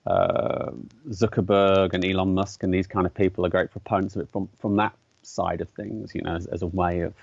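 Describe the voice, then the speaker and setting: This artist and educator from an English-speaking country speaks briskly in a low, darkish, slightly rough voice with vocal fry and a flat delivery. As an interview guest explaining his ideas, he's thoughtful but hesitant, full of fillers and restarts. The audio is dry, with the highs cut off.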